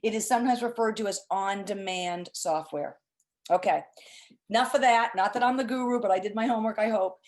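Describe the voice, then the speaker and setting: A woman's voice: mid-range voice, brisk, a little mellow. A middle-aged woman hosting an informal webinar, explaining things in an emphatic, chatty and effusive way. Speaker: host, presenter.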